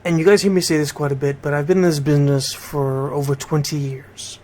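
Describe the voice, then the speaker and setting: This middle-aged radio host and DJ from Bridgeport, Connecticut has a high-leaning, darkish voice with little pitch movement and a brisk pace. He talks informally, addressing his listeners head-on.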